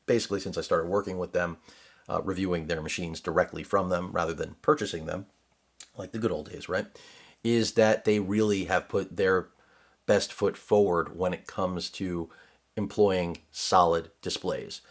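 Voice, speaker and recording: Reviewing a laptop in his home studio, a middle-aged man offers casual unboxing commentary as a tech reviewer, wandering off on sarcastic tangents in a rambling, digressive way. His voice sits low, with fairly even intonation and a moderate pace.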